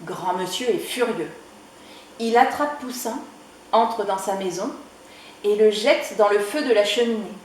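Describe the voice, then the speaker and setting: Slow storytelling woman, echoey room. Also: medium pitch, slight background noise. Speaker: librarian reading to children. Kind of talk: children's storybook reading.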